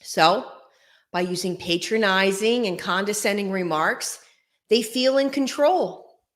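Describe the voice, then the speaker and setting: A woman's voice: medium pitch, unhurried. A woman talking casually and emphatically straight to her viewers as a host, her voice echoing around a bare room. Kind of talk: casual direct-to-viewer advice talk. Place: echoey room without carpets or soundproofing. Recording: echoing bare uncarpeted room, faint music.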